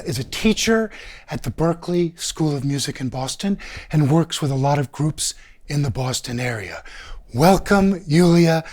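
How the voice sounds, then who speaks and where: A man's voice: a little high, darkish tone. Middle-aged male podcast host. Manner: friendly, with brief acknowledgments and restarts. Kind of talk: interview. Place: small studio set, seated indoors.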